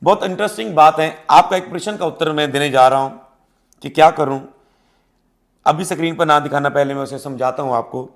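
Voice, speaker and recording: Man, pastor, sermon, high pitch, gravelly, voices believers' prayers. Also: a little fast. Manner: voices the prayers of troubled believers, rising and urgent.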